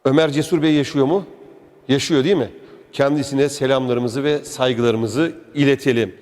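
With a medium-pitched, darkish voice and fairly even intonation, a travel vlog host walks through a museum at a moderate pace. He's chatty and enthusiastic, speaking straight to the viewer, and his casual tour commentary echoes around the indoor hall.

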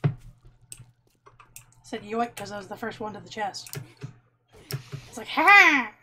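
A woman's voice: mid-range voice, steady tone, moderate pace, a little mellow, slight background noise. A woman chatting casually while playing a co-op game, playfully annoyed with her friends. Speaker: game streamer.

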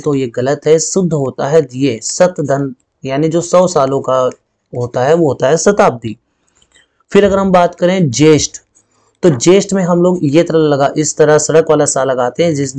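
A man's voice: on the high side, mellow. A man teaching a Hindi spelling lesson. He explains step by step and says each word twice. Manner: explains step by step, often adding "ठीक है" and repeating words.

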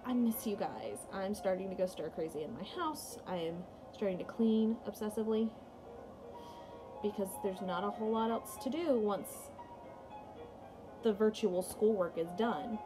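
In a small room at home, a young woman gives children a read-aloud music lesson, explaining and chatting with her pupils. Her mid-range voice is animated and moves at a normal speed. The recording is rough.

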